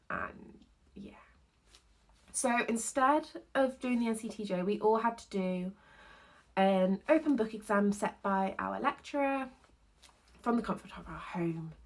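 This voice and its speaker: A young woman, talking candidly to camera about her university year and laughing often between thoughts. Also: medium pitch. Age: 20s. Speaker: university student vlogger. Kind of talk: casual talking-to-camera vlog. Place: home basement.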